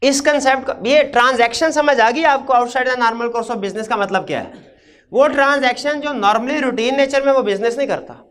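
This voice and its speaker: A man's voice: very high voice, moderate pace, fairly bright tone. A man lecturing on accounting, asking his class questions and answering them himself, step by step. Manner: explains step by step, asks and answers own questions.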